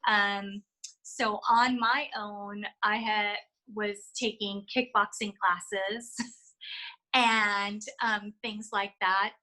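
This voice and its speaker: A woman's voice: medium pitch, steady tone, drawn-out words, bright, forceful tone, low-quality recording. A woman giving interview answers as a flight attendant, explaining things in a chatty way with examples.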